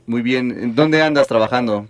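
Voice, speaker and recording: A man's voice: medium pitch, moderate pace, no echo. A man with a Mexican accent hosting a live radio show in a casual, chatty style. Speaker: radio host.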